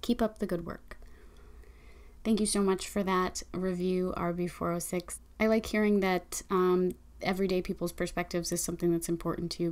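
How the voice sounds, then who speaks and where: A woman hosting a podcast, reading listener reviews and introducing the guest in a friendly, unhurried way with occasional ums. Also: fairly low pitch, a little mellow. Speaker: podcast host.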